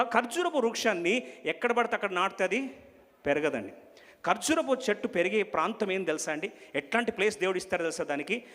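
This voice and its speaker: A man preaching a sermon and questioning the congregation, switching between loud emphasis and soft asides. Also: high voice. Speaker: pastor. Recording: long hall reverb.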